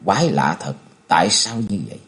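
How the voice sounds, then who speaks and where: A man voicing an earnest young swordsman hero who speaks low and firm. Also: very animated, brisk, fairly bright tone. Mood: resolute.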